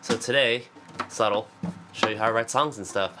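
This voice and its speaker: A singer-songwriter with a cold sounds congested as he chats casually and self-deprecatingly about songwriting in a vlog, using lots of fillers. His voice is medium-pitched at a moderate pace, with acoustic guitar in the background.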